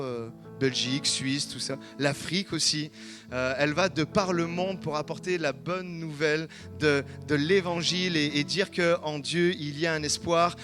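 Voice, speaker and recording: A man, the church's pastor, introduces a guest speaker and pauses often on fillers. His voice sits somewhat high for a man. Soft instrumental music plays behind him. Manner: hesitant, many fillers.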